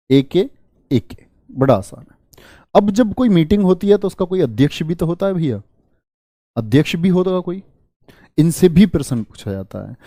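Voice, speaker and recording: A man teaching an exam-prep history lesson, speaking softly and drilling facts with repeated questions and memory tricks. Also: mid-range voice, no echo. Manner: speaks softly on purpose to spare his throat; addresses students as "bhaiya". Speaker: history tutor.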